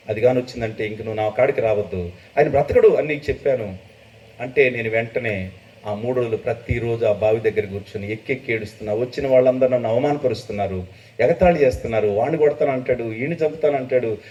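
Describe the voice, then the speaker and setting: Man preaching an emotional testimony. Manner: emotional storytelling, rising to loud high bursts. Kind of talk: testimony sermon. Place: church gathering. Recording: distant dull mic with faint noise.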